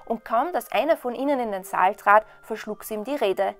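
A woman storyteller reading a fairy tale in a lively, expressive way. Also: a little high, moderate pace. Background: soft waltz music.

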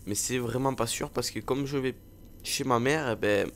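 A young man hosting a gaming video rambles through playful live commentary over a game, full of fillers and self-deprecating jokes. His voice is mid-range and creaky at a normal speed, with a little hiss or hum in the background.

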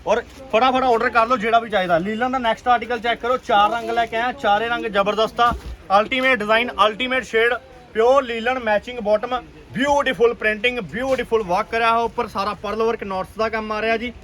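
High, bright-voiced Punjabi man selling hard. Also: fairly even intonation, a little fast. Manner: urgent, repetitive, enthusiastic hard sell. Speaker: clothing shop seller presenting stock. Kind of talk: sales pitch for online video. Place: busy clothing shop.

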